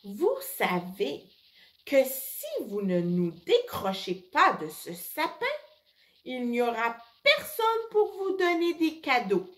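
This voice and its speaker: A woman voicing a flustered, exasperated old grandfather who shouts in a storybook reading. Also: a little high, sing-song, slow pace. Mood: grumbling. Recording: echoey room.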